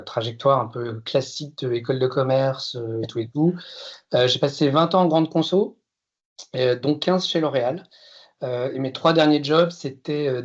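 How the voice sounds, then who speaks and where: Heard through dull audio, a medium-pitched French man in his fifties presents a masterclass to an audience as a consultant. He speaks hesitantly, with many filler sounds and humor at his own expense.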